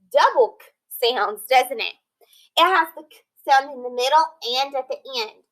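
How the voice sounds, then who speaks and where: A woman's voice: sits high, sharp tone, rough recording. A young adult woman teaching a phonics lesson to children, explaining step by step and sounding things out. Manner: instructional, step-by-step explaining with rhetorical questions and sounded-out letters. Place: classroom, indoors. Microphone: device camera a few feet away.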